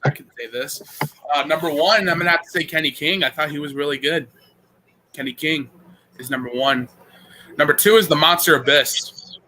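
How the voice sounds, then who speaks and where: Excitable bright-voiced man chatting wrestling. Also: mid-range voice, a little hiss or hum, poor audio. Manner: excitable, laughs often, mimics wrestler calls. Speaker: podcast co-host. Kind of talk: casual chat.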